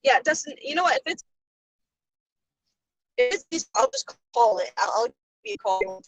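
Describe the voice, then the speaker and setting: A woman's voice: high voice, wildly swooping pitch, moderate pace, creaky, no echo, rough recording. A woman co-hosting a casual sports chat over a call connection that keeps breaking up, trailing off mid-sentence. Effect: choppy call connection breaking up. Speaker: co-host.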